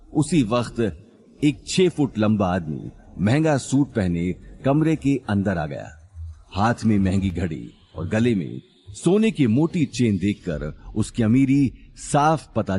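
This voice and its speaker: A man narrating a dramatic family story in an expressive audiobook style. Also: fairly low pitch, a little hiss or hum.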